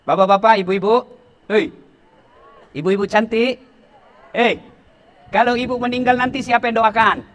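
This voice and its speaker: A middle-aged man preaches in a voice that sits high for a man. He teases his listeners in a humorous sermon, then drops to hushed warnings before climbing back to loud calls. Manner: animated, teasing, swings from shouting to hushed warnings. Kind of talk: humorous sermon to police officers.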